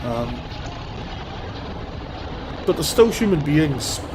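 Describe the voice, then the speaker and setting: A livestreamer with a cold, sniffling slightly, gives blunt, rambling live commentary into a handheld phone on a city street. His voice is a little high with big pitch swings, and he speaks very slowly. Loud traffic and vehicles fill the background.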